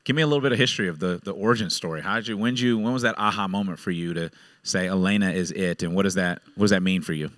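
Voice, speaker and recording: A man's voice: deep voice, rapid-fire, fairly bright tone, dry recording. A man hosting an interview, asking questions in a friendly, conversational way.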